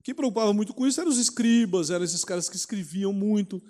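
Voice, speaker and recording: A man with a high but mellow voice, preaching in an easy, conversational way and tossing out rhetorical questions. His words ring out through a church hall with a long echo, as if he stands before a congregation. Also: fast talker. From Brazil. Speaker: pastor teaching a Bible study. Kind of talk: sermon teaching.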